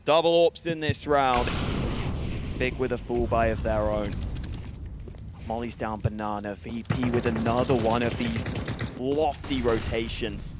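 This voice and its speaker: A man's voice: mid-range voice, unhurried, very noisy. A man working as an esports caster, giving analytical live commentary that breaks down each play of a match. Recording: game gunfire and clicks behind voice. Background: game gunfire and clicks.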